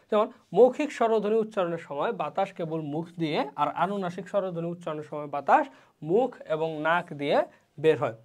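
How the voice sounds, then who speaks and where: Using a mid-range voice, a teacher guides students through an online lecture one step at a time, asking and then answering questions and pronouncing every vowel slowly for demonstration.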